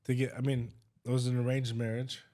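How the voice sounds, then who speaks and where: A man's voice: mid-range voice, monotone, fairly quick, dark tone. A man hosting a casual interview, speaking in an informal, agreeable way. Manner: informal, agreeable, frequent "like" and "you know". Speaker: interviewer, host.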